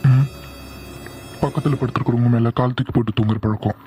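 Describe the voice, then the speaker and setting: A man's voice: mid-range voice, steady tone, a little fast, mellow, faint music behind, lightly acted. A man voicing a bossy but affectionate young husband who teases, scolds and coaxes his wife. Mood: teasing. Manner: teasing, scolding, coaxing. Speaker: voice actor. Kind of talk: cartoon voice acting.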